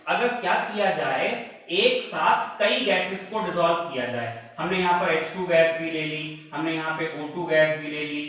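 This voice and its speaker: Male chemistry teacher, high bright voice, booming echoey room, dictates definitions slowly. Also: dull audio. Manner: addresses students fondly as "beta". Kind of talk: classroom lesson in Hindi with English terms.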